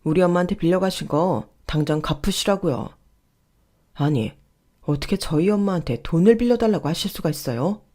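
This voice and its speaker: A woman's voice: on the low side, brisk, dark tone, natural voice. A woman voicing a frustrated adult son who speaks firmly and with exasperation. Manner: firm, exasperated.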